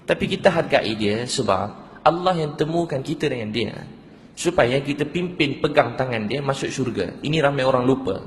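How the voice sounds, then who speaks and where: In a large hall, a man with a Malaysian Malay accent preaches a sermon, telling stories and putting questions to the audience. His voice sits at a medium pitch and is expressive, moving at a moderate pace.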